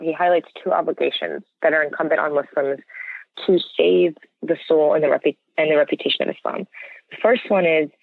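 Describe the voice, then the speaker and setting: An American interview guest talks earnestly and conversationally, explaining points and often checking in with "right?". The voice is mid-range with vocal fry and no room sound, heard through a narrow, tinny phone line.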